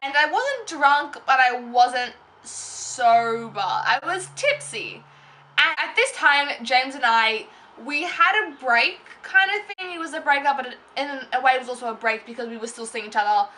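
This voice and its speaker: High bright young woman vlogger. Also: animated, moderate pace. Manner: rambling, filler-heavy, self-interrupting. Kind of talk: casual story time.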